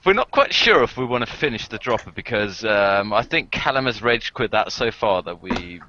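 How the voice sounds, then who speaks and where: Rambling through a relaxed group video call, an English-accented channel host fills his speech with filler words and frequent laughter. His voice is lowish and sharp, delivered animatedly at a normal speed, and the call sounds dull and low-fidelity.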